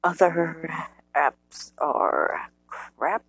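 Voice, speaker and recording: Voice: medium pitch, sing-song, very slow, gravelly, a bit bright, husky, no echo, poor audio. A podcast host rambling casually to viewers. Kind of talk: casual chat.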